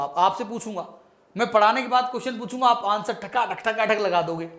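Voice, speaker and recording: A fairly high-voiced man teaches chemistry at a rapid clip. He fills the lesson with playful jokes and memory tricks and keeps calling his students beta. He slips English phrases into his Hindi as he talks. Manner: playful, jokey mnemonics, calls students beta. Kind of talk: fast-paced exam revision lecture.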